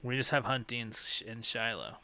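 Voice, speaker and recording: A man co-hosting a comedy call-in show, playfully rambling through silly pitches. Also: fairly quick, bright, forceful tone. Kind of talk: improvised comedy talk.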